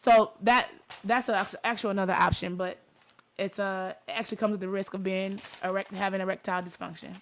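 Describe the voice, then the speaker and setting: A woman from Detroit, United States, speaking with a Detroit accent, hosts a talk show in a casual, conversational style directed at her listeners. Her medium pitch and fairly even intonation come at a slightly fast pace, with a little hiss or hum in the recording.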